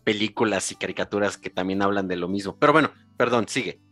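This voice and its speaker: Halting man hosting a podcast. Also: fairly low pitch, fairly bright tone, faint music behind. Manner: halting, repeats words while asking. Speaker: podcast host. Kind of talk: casual interview.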